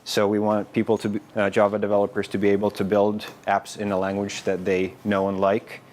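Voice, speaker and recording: Speaking a little fast, a lower-pitched Finnish man delivers a developer talk to a meetup audience, with a faint room hum in the background. As a developer advocate, he keeps it casual, peppered with "uh"s and frequent restarts.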